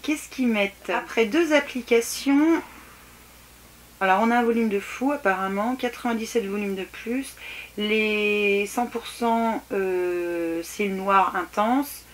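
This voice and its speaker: A woman's voice: mid-range voice, slow. A woman chatting casually through a beauty box unboxing, hesitant and full of restarts. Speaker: beauty vlogger. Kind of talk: casual product unboxing review. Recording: faint background noise and clicks.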